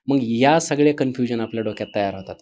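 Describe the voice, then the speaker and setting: A man's voice: medium pitch, quick pace, a little mellow, highs cut off. A man hosting an interview, asking long, thoughtful questions in casual talk.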